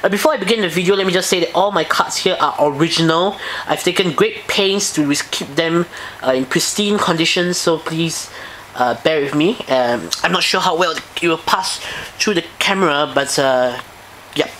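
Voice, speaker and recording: A man's voice: fairly high pitch, normal speed, pushed and bright, a little hiss or hum. A man casually reviewing his card collection on camera, eager and rambling, often repeating himself. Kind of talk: casual home video review.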